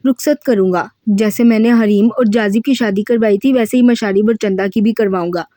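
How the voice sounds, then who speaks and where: Woman reading a calm older father figure. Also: medium pitch, normal speed, no echo, lightly acted.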